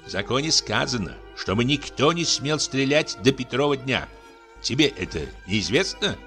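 A man voicing a pompous, sanctimonious landowner gentleman who scolds in a high, drawn-out tenor. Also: animated, faint music behind, natural voice. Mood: scolding.

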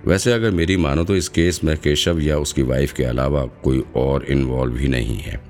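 A male narrator voicing a sharp-minded young woman investigator who probes and reasons aloud in an audiobook. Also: rumbling low, normal speed, soft background music. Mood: doubtful.

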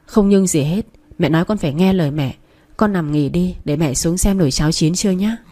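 A woman voicing a loving middle-aged mother who speaks softly and soothingly to her daughter. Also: lowish voice, a little fast, close to an everyday voice. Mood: firm. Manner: soft and soothing, coaxing.

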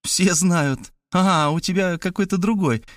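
A man's voice: high voice, measured pace, a bit bright, dry recording, clean studio sound, pitched above the performer's own voice. A male reader voicing a capricious, cheeky young woman who talks in a whiny, sulky drawl.

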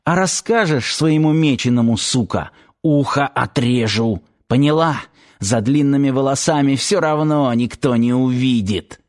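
A male audiobook reader voicing a rough, predatory man who coaxes in low whispers and snarls threats. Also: measured pace, lightly acted. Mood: vicious threatening. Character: rough, predatory grown man, menacing and crude.

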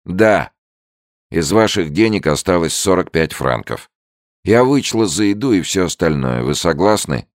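A man's voice: low voice, lively intonation, measured pace, dry recording, studio quality, pitched above the performer's own voice. A man putting on a wheezing old bargewoman. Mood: grumbling. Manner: short-breathed, grumbling.

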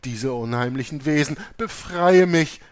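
A man's voice: medium pitch, expressive, unhurried, dry recording. A man reading aloud voices a young dying mother who is terrified of visions and begs her son for help in panicked, shrieking pleas. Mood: screaming terror.

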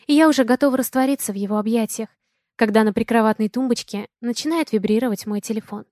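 A young woman narrating a romance novel in the first person with a lively, expressive reading. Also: fairly high pitch, fast talker, no room sound, studio quality. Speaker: audiobook narrator.

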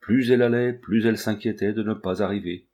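A man narrates a classic children's tale in a calm, measured reading. His voice sits on the low side. He speaks directly to his listeners and shapes each phrase with care. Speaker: audiobook reader. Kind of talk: scripted storybook narration.

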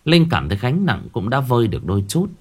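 A male storyteller narrating a ghost story with a lively, swinging pitch. His delivery is dramatic and expressive, set at a mid pitch. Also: fast, breathy edge.

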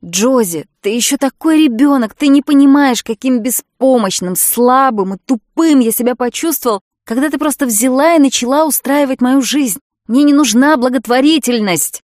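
A woman's voice: on the low side, normal speed, darkish tone, dry recording, close to an everyday voice. A woman voicing a proud, stubborn teenage boy in an audiobook, using her own everyday voice. The recording is dry and close. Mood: gentle.

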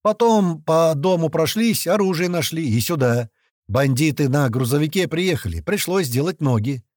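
A rough male villager recounts events bluntly and gruffly, voiced by a male narrator. His voice rises and falls with life, and the sound is dry and close. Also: on the high side, lively intonation, normal speed, a little mellow, no room sound, pitched above the performer's own voice.

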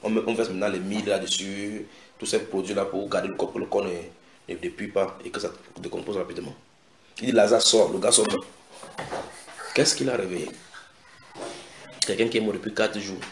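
A man preaching a sermon, breaking into loud dramatic voices for the people in the story. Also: on the low side, steady tone, fairly quick, long pauses, roomy sound, a little hiss or hum. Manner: dramatic, acts out biblical voices with sudden loud shouts.

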